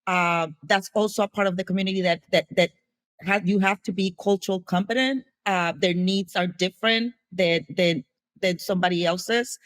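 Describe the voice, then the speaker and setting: A woman's voice: mid-range voice, fairly even intonation, normal speed, no room sound. A woman from Puerto Rico with a Puerto Rican accent, Spanish being her first language, answering interview questions as a guest with many fillers and restarts. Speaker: guest, HIV educator.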